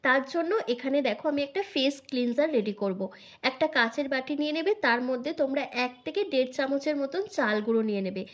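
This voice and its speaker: A hoarse woman with a Bengali accent from India, giving a skincare tutorial to her viewers as a vlogger. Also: sits high, lively intonation. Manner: brisk, instructive, addresses viewers directly. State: hoarse from illness. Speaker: beauty vlogger.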